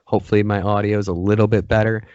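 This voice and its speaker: A man's voice: fairly low pitch, level tone, racing, a little mellow, no echo. Guy cohosting a podcast, rambly and jokey, dry dull sound. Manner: rambling, jokey, restarts often. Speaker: podcast co-host. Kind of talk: casual comedic chat. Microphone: new microphone.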